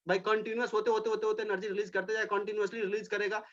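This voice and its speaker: A man's voice: high-pitched, flat delivery, racing, a bit bright, dull audio. A male teacher giving a classroom lecture, explaining step by step, repeating points and speaking directly to his students.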